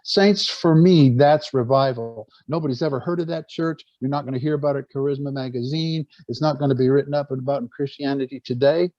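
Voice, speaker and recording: A man's voice: mid-range voice, a little fast, few pauses, a little mellow, no room sound, dull audio. A man giving an earnest preaching talk to a gathering, telling stories and often stumbling and restarting his words. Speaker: speaker on church life.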